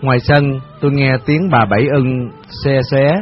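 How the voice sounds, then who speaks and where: A man tells a memoir story in a calm, reflective storytelling voice of ordinary pitch. The recording is dull and lo-fi, as on radio. Soft music plays behind him. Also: normal speed. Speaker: narrator.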